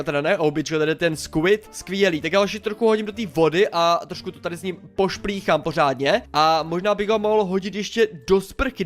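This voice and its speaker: A young man chatting excitedly through a game as a YouTuber, exclaiming and mildly swearing as he plays. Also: fairly high pitch. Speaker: gaming YouTuber. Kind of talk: casual game commentary.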